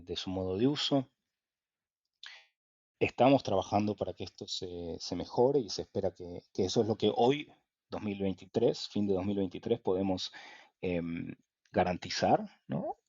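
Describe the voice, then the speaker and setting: Argentine man, low dull voice. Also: animated, darkish tone, no echo. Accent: Argentine Spanish. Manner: measured, hesitant, with many fillers. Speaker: guest engineer. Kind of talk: technical interview answers.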